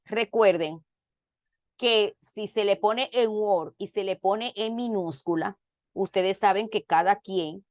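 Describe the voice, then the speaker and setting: A woman teacher on a video call, working through a grammar lesson in a slow, deliberate way and repeating each point. Her voice comes across dry, with no room sound around it. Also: mid-range voice, no room sound. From Dominican Republic.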